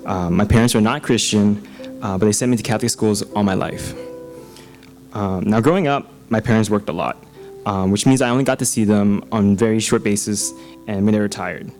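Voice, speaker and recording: Soft music plays in the background as a man from Singapore, in his twenties, gives a prepared personal testimony about his baptism at church. Fairly low-pitched and a little mellow, he talks slightly fast, earnestly filling gaps with ums and uhs.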